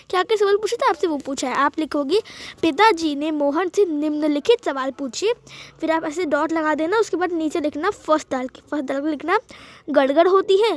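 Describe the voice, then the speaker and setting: A woman's voice: very high voice, no room sound. A woman hosting a school lesson, explaining a worksheet patiently and repeating key phrases. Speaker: teacher, channel host.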